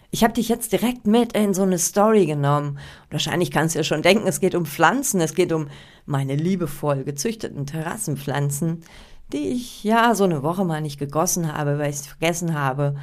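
A woman coaches her listener directly in a relaxed, chatty monologue. Her voice sits on the low side, and she thinks aloud with little fillers and restarts as she gives her tips. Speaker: podcast host giving presentation tips.

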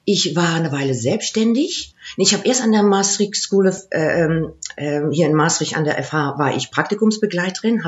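Dutch woman in her 50s, chatty and laughy, talking in an interview, slightly muffled audio. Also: sits low. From Netherlands. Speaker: guest. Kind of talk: interview conversation.

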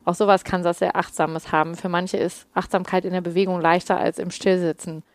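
A woman coaching on mindfulness in a casual podcast conversation, explaining calmly with everyday examples. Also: fairly low pitch, brisk, no echo. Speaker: mindfulness coach answering listener questions.

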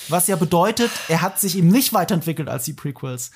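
A man hosting a podcast and chatting casually, animated and opinionated, with emphatic asides. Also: on the high side, quick pace, breathy edge. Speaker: podcast host. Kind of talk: casual discussion.

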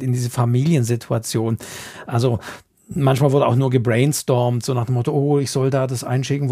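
Gravelly-voiced thoughtful man. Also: medium pitch, darkish tone. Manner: thoughtful, repeats himself while searching for words. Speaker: podcast co-host and contest juror. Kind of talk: casual discussion of stories.

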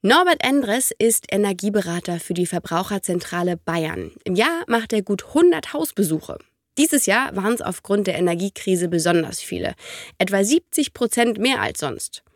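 A woman's voice: medium pitch, expressive, moderate pace, dry recording, studio quality. A woman with a congested, stuffy-nosed voice reading scripted narration as a podcast host.

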